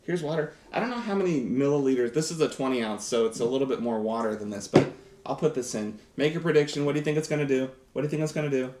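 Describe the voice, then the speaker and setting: A man's voice: medium pitch, quick pace, darkish tone, a little hiss or hum. A man in his thirties doing a chatty, enthusiastic live science demonstration, talking directly to viewers. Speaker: science teacher host. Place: home kitchen set, indoors. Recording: roomy kitchen echo.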